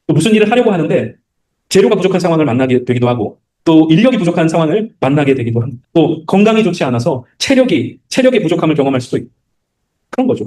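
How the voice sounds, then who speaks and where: A man preaching at a Bible study, asking his audience many rhetorical questions and acting out quotes. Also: high-pitched. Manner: acts out quotes in lively voices. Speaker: pastor leading Bible study. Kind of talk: sermon.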